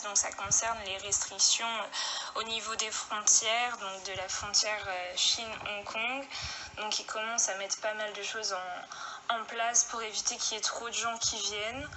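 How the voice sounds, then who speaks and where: A woman's voice: medium pitch, little pitch movement, measured pace, noisy background. A woman from Réunion, a guest giving a casual spoken testimony, hesitant and full of fillers, recorded at home.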